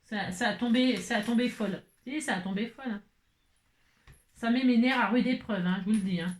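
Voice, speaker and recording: A woman's voice: fairly high pitch, fairly quick. Chatty exasperated French craft host woman. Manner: chatty, exasperated, keeps adding "hein". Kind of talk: casual crafting tutorial. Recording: echoey room, faint noise.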